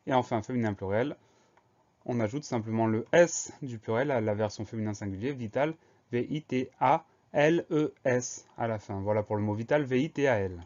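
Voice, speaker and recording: A man teaching a spelling lesson, explaining each word calmly and spelling it out letter by letter. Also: mid-range voice, normal speed. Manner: patient, methodical, spells out letter by letter. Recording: slightly dull lo-fi recording.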